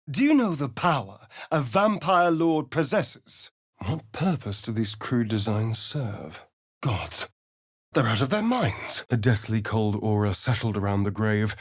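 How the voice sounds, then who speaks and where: In dry, studio-quality audio, a man voices a sly, sardonic vampire spawn rogue in a video game, performing voice lines and narration. His delivery is arch, theatrical and drawling, with big swoops in pitch, in a mood of dramatic storytelling.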